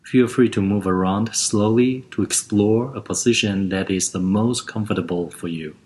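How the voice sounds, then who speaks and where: Here a man with a voice on the low side leads a relaxation and breathing exercise done lying down. At a moderate pace, he calmly and evenly gives gentle instructions step by step.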